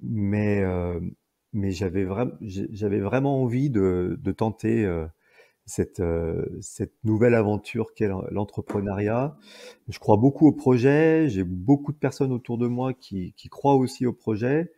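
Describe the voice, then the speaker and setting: A man's voice: on the low side, a little slow, warm tone. A man in his forties talking casually as a podcast guest, hesitant with many fillers and restarts. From France. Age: 40s. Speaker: guest entrepreneur.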